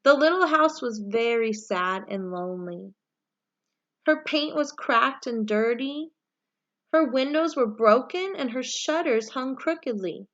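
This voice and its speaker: A woman reading a children's picture book aloud, with expressive, deliberate storytelling phrasing. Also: a little high, muffled recording. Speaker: story reader, read-aloud for young children.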